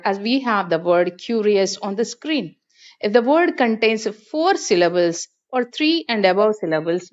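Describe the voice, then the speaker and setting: A woman teaching a phonetics lesson, talking slowly and deliberately and repeating each example word. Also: mid-range voice, dull audio. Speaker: English teacher.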